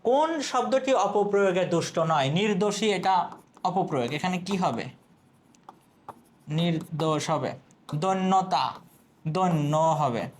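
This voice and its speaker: A man's voice: high voice, slight background noise. Man teaching, answering his own questions. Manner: asks questions and answers them himself. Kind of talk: exam prep lesson.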